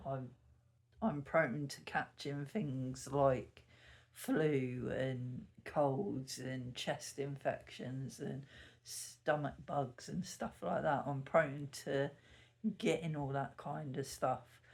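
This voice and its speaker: The voice is mid-range with a darkish tone. Sitting indoors at home early in the morning, this YouTuber speaks casually into the camera mic, meandering, correcting himself and sniffling a bit.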